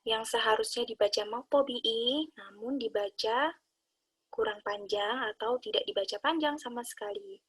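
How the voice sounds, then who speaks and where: A woman calmly explaining Quran recitation rules to her students. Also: on the high side, normal speed, slightly rough. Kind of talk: explaining a lesson.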